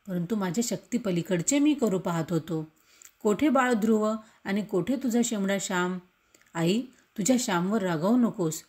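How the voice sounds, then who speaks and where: A woman's voice: mid-range voice, darkish tone, close to an everyday voice. A woman voicing a remorseful young boy who pleads tearfully with his mother, read as a storybook.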